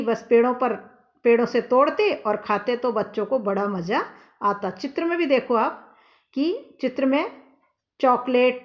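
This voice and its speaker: A woman teacher explaining a poem in a patient classroom manner, often checking that the children follow. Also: on the high side. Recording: dull lo-fi recording.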